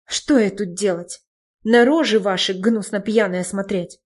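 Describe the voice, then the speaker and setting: A woman voicing a sharp-tongued, sarcastic young woman. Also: medium pitch, unhurried, lightly acted. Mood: curt. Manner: sarcastic, cutting.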